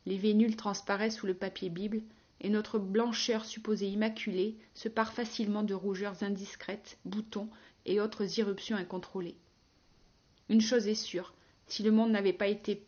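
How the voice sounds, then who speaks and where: A woman's voice: mid-range voice, little pitch movement, a little mellow, lo-fi sound. Wry woman reading a novel aloud. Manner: wry, ironic, measured. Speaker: audiobook narrator. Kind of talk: first-person novel narration.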